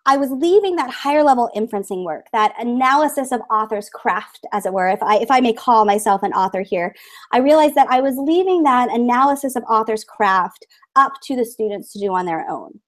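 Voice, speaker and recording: A woman's voice: fairly high pitch, expressive, brisk. A woman teacher presenting to fellow educators over a video call, explaining her methods in a friendly way with many fillers. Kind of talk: conference presentation with screen share.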